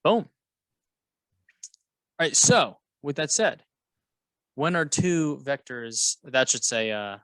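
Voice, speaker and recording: A man's voice: medium pitch, animated, slow pace, pauses often, fairly bright tone, smooth, no room sound. Guy teaching a math class w a coworker, jokey and upbeat, pretty dry sound. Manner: playful, jokey, asks guiding questions. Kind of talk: co-teaching a lesson, casual banter.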